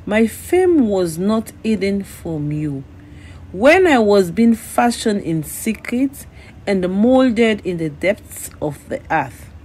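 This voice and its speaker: A woman's voice: mid-range voice, sing-song, slow, darkish tone, slightly rough. A woman reading a psalm aloud as a liturgical scripture reader.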